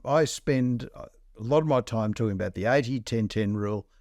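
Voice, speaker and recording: In casual health podcast talk, a doctor co-host speaks plainly and bluntly about the numbers. His medium-pitched voice is a little mellow and fairly quick, recorded in studio quality without echo.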